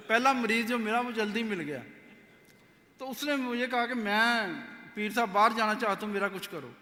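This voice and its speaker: A man telling his personal conversion story in a lively, anecdotal way, acting out the dialogue. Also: sits high. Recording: echoey hall with long reverb.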